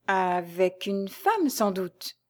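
A woman's voice: mid-range voice, very animated, extremely slow, darkish tone, exaggerated voice. A woman voicing a jealous young masked woman at a ball, asking urgent questions. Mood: anxious.

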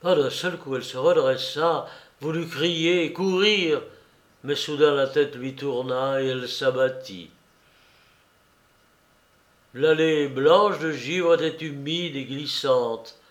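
Male narrator for a dark literary audiobook, slightly higher voice, unhurried pace. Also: echoey room. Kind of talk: audiobook reading of literary prose.

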